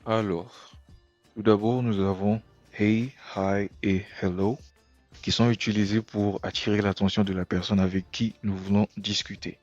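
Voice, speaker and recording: A man teaching English greetings patiently, stopping often to check that the listener follows. His voice is low and sits in a dry, close recording. Faint music plays underneath. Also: little pitch movement, a little slow, darkish tone, no echo, muffled recording. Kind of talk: explanatory language lesson.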